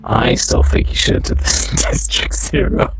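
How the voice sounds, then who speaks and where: A man's voice: moderate pace, soft background music. A man talking casually through a voice changer that makes him sound demon-like, with laid-back, joking slang. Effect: voice changer making the voice sound demon-like. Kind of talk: casual chat between roleplay scenes.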